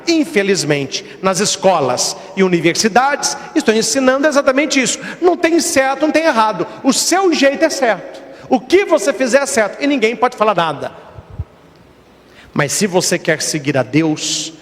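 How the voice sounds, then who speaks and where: High-voiced Brazilian priest preaching emphatically. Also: male voice, in a large hall. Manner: emphatic preaching, acts out quoted voices in short stories. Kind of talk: sermon.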